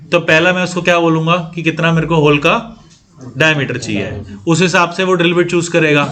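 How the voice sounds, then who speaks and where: Guy teaching engineering drawing, higher voice, keeps quizzing the class and repeating himself. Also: fairly bright tone. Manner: quizzes students, repeats points, everyday examples. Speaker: CAD training instructor. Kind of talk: classroom lecture.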